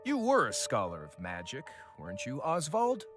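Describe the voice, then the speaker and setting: An actor voicing a formal, accusing court magistrate in a video game, with declamatory delivery. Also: male voice, mid-range voice, wildly swooping pitch, moderate pace, a bit bright, soft background music.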